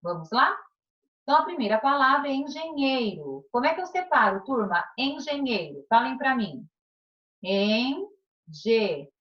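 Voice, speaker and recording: A female teacher with a Brazilian Portuguese accent leads a recorded remote class for primary pupils, sounding encouraging as she stretches out syllables and frequently checks in with "tá?". Her voice is high with big pitch swings, and the audio is dull.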